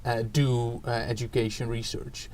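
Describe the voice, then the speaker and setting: A Dutch man in his forties, an education researcher guesting on a podcast, answers interview questions thoughtfully with many fillers and restarts. His mid-range voice is flat, a little slow and mellow, with slight hiss or hum in the background.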